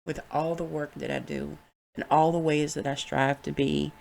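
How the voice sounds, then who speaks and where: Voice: mid-range voice, little pitch movement, normal speed, creaky, a little mellow. A podcast host giving a candid, heartfelt solo monologue, with casual swearing.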